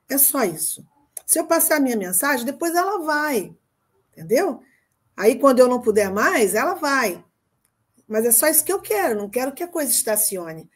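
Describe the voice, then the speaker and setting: A woman's voice: on the high side, a little mellow. An older woman with a Rio de Janeiro accent, speaking earnestly and from the heart as a physician client on a video call, often checking that she's been understood. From Brazil. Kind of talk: casual conversation.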